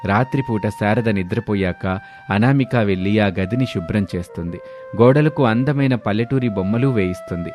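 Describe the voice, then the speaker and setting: Male narrator, low voice, calm storytelling, faint background music. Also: normal speed. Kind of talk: scripted narration.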